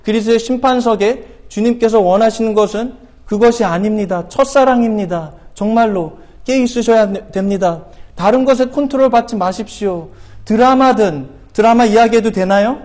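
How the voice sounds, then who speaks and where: A middle-aged man preaching a sermon in a church, earnest and exhorting, with rhetorical questions and frequent hesitations. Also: sits high. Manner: shouts quoted scripture loudly and slowly. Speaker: missionary preacher. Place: church sanctuary.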